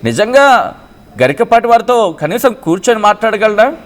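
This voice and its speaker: A male news anchor hosting a live phone-in show, speaking in a measured, questioning way. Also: sits high, expressive.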